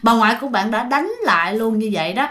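A woman's voice: on the high side, expressive, fast talker, a bit bright. A woman with a Southern Vietnamese accent telling a ghost story in a casual, chatty way, often addressing her listeners directly.

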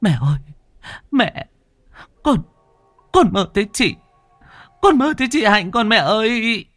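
A man's voice: sits high, big pitch swings, measured pace, fairly bright tone, dry recording, clean studio sound, faint music behind, voice pushed up, heavily acted. A man voicing a frightened young woman who stammers and cries out in desperation. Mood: sobbing.

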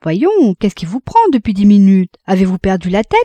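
A woman voicing a composed young widow who speaks crisply, sensibly and directly. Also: mid-range voice, big pitch swings, moderate pace, warm tone, no room sound, lo-fi sound. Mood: reproachful.

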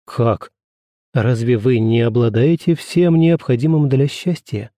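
A man reading a tender gallant gentleman. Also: mid-range voice, a little slow, dry recording, studio quality, natural voice. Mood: coaxing. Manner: soft, coaxing and sweet. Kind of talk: audiobook character reading.

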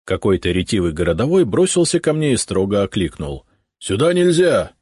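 A man reading first-person audiobook narration in a measured, expressive way. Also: sits low, breathy edge, no room sound, clean studio sound.

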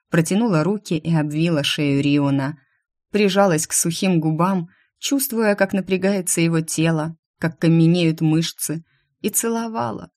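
A woman narrating a first-person audiobook in a soft, intimate, expressive reading voice. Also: deep voice.

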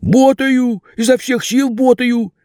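A man's voice: very high-pitched, fairly even intonation, slow, mellow, dry recording, clean studio sound, pitched above the performer's own voice. A man voicing a nervous, flustered young man who pleads and protests in an audiobook. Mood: flustered pleading. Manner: pleading, anxious. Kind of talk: audiobook character voice.

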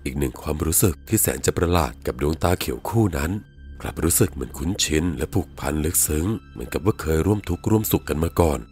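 A man with a very deep voice narrates a ghost story at a rapid clip. His first-person storytelling is vivid and dramatic, with faint music playing behind him.

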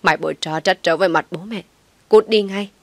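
A woman's voice: on the low side, fairly quick, a bit bright, dry recording. A woman voicing an older mother, heartbroken and reproachful, who wails as she disowns her daughter, in a storybook reading. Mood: anguished. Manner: wailing, reproachful.

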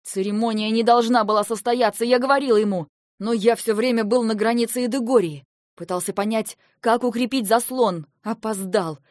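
A woman voicing a young male king who talks loudly and rawly, full of guilt and temper, recorded dry. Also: a little high, normal speed, no echo, natural voice. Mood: anguished. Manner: loud, raw, self-reproaching.

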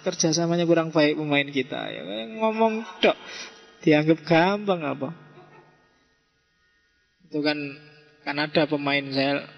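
A man with a Javanese accent giving an informal philosophy lecture, conversational and teasing, with joking asides. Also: on the high side. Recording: dull lo-fi sound in a reverberant hall.

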